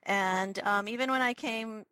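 A middle-aged woman from Israel, a neurobiology professor, answering interview questions thoughtfully with many pauses and restarts. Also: medium pitch, pushed and bright, dry recording, rough recording. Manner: thoughtful, lots of ums and restarts.

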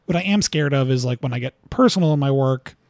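A man's voice: mid-range voice, animated, fast, a little mellow, no echo, clean studio sound. A man talking casually as an interview guest, rambling with lots of fillers and laughing at his own stories. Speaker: cartoonist guest.

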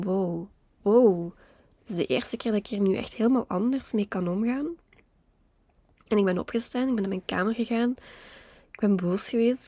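A woman with a Flemish accent, hosting a podcast and telling a personal story in a reflective, candid way, often trailing into soft, breathy asides. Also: medium pitch, no echo. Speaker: podcast host.

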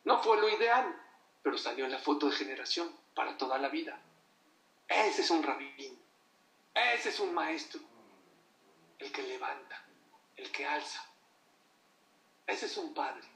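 A man's voice: on the high side, animated, a little slow, long pauses, fairly bright tone. A man giving an emphatic sermon to an audience, often putting rhetorical questions to them. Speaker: religious teacher addressing an audience. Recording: echoey room, voice from far off.

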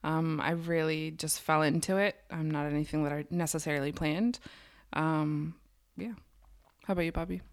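A woman's voice: deep voice, fairly even intonation, normal speed. A woman in her thirties co-hosting a podcast in casual chat, easygoing and chatty with "like" fillers. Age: 30s. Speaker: podcast co-host.

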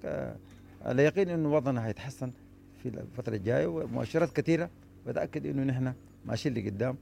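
A man's voice: mid-range voice, vocal fry, warm tone. A man with a Sudanese accent, an official speaking informally to staff, recorded with faint background noise. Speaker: government official.

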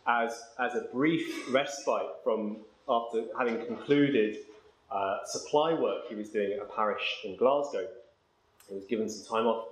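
Man lecturing in an echoey room. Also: on the low side. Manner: slow, measured reading of verse, then brisk explanation with ums. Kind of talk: academic lecture with poetry reading.

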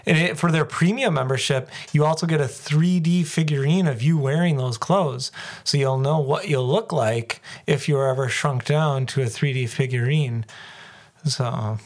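A man with a mid-range voice co-hosts a relaxed podcast. He slips deadpan jokes and playful teasing into the conversation and keeps a dry, casual delivery. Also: mid-range voice, normal speed. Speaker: podcast co-host. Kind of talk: casual chat.

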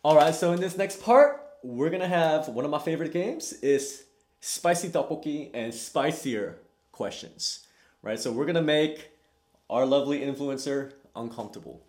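A man's voice: a little high, expressive, moderate pace, darkish tone. A man hosting a casual podcast interview, teasing his guest playfully and laughing often. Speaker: podcast host. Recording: roomy echo.

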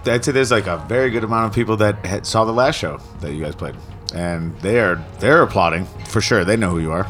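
A man's voice: on the low side, fast, a bit bright, faint music behind. A man running a tabletop game as game master, laid-back, laughing easily and swearing.

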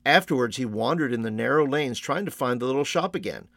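Guy reading a story out loud, voice all over the place in a good way, super dry close mic. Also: medium pitch, gravelly, no room sound. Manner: expressive, measured storytelling. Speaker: reader. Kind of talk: storybook read-aloud.

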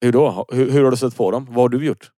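A man's voice: medium pitch, dark tone, no room sound, clean studio sound. A man co-hosting a casual rant podcast, teasing his partner, cutting in and swearing freely. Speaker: podcast co-host.

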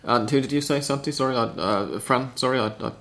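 Male podcast host, gravelly and bright, dry and chatty. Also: medium pitch, fairly quick. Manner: reads listener questions, chatty and dry. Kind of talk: casual podcast chat.

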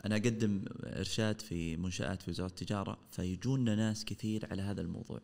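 Saudi guy talking quick on a podcast, earnest, keeps restarting his sentences. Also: lowish voice, steady tone, gravelly, a little mellow. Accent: Saudi Arabic. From Saudi Arabia. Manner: fast and earnest, often trailing off and restarting. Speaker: entrepreneur guest. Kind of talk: casual podcast chat.

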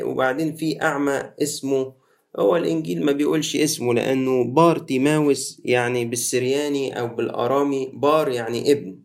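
An Egyptian priest delivers a sermon, talking to his congregation as if in conversation. His voice sits at an ordinary middle pitch for a man. He slips from everyday phrasing into formal, scriptural wording and back again. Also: vocal fry. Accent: Egyptian Arabic. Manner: conversational preaching, switching between colloquial and formal Arabic. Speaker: Coptic Orthodox priest.

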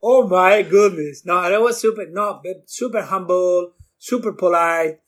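Animated man telling stories. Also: unhurried. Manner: acts out quotes with jumps in pitch, non-native grammar. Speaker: guest bartender. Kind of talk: animated storytelling.

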